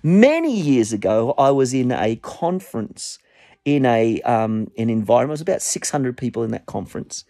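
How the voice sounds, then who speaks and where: A man preaching a sermon, telling a personal story with an animated delivery and a voice that jumps up when he quotes people. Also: moderate pace, no echo, clean studio sound. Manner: animated storytelling, voice rising high when quoting.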